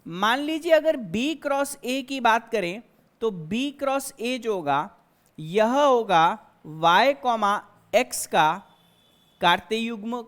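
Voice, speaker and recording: A woman math teacher giving a classroom lecture, explaining step by step and asking and answering her own questions. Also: fairly high pitch. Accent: Hindi-speaking Indian.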